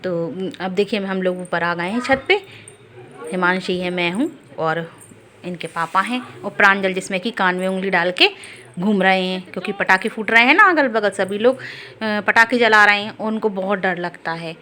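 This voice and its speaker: A woman's voice: medium pitch, normal speed, bright, forceful tone. A woman from Jhansi, chatting to camera as a family vlogger at home in a confiding, storytelling way. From Jhansi, India. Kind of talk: casual chat to camera.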